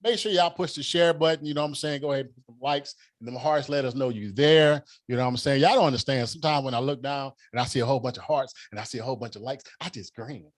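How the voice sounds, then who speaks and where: A man's voice: medium pitch, quick pace, hardly any pauses. A man hosting a casual live-stream show, playful and teasing with loose slangy talk. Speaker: show host.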